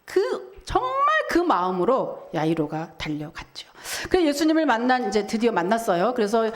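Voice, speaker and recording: A woman's voice: a little high, sing-song, moderate pace. A middle-aged woman pastor preaching a sermon, telling a story vividly and asking the congregation rhetorical questions.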